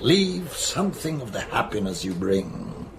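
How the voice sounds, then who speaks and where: An actor playing a sinister vampire count in a gothic audio drama, formal, deliberate and grandly hospitable. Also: male voice, mid-range voice, big pitch swings, background noise. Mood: grandly welcoming. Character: courtly sinister male vampire count, host in his castle. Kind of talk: gothic radio drama acting.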